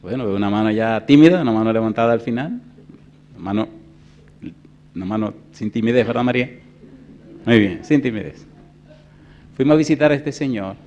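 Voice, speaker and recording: A man in his fifties preaching a sermon as pastor, telling a story in a hushed voice and then rising into loud, emphatic preaching. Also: fairly low pitch, lively intonation, a little fast, pauses often, dull audio, a little hiss or hum. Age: 50s. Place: church.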